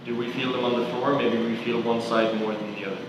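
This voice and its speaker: A man's voice: medium pitch, fast talker, noisy background. Man coaching a body scan, echoey hall. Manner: calm, questioning, step-by-step cues. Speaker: movement coach. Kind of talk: guided body scan instruction. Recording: echoey roomy sound from far off.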